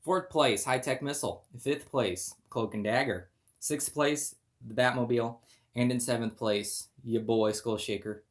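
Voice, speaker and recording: A man giving playful, excitable commentary on toy car races, with loud countdowns. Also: medium pitch, unhurried. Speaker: race commentator.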